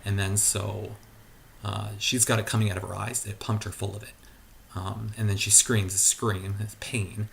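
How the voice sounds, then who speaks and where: A man's voice: on the low side, flat delivery, normal speed, creaky, a little hiss or hum. A man talking casually in his garage, rambling and hesitant, with many fillers and restarts. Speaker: vlogger. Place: garage at home.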